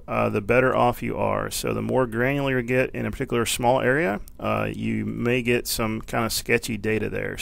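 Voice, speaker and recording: A man in his thirties, a business librarian, walking through a research database in a relaxed tutorial with plenty of fillers, recorded in an office at a desk camera. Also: medium pitch, gravelly. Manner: relaxed, filler-heavy explaining. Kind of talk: screencast tutorial walkthrough. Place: office with bookshelves.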